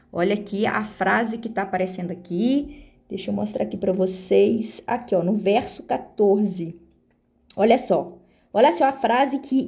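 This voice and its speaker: A woman with a Brazilian Portuguese accent teaching the Bible on a phone video, warmly calling her listeners brothers and sisters and reading verses slowly. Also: on the high side. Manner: warm devotional tone, repeatedly addresses listeners as brothers and sisters; reads scripture slowly and deliberately. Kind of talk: informal Bible study on video. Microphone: phone camera.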